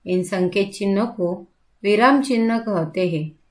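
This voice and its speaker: A woman teacher giving a grammar lesson to schoolchildren, speaking clearly and explaining each example step by step. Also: mid-range voice. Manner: slow, clear, explanatory, repeats example sentences.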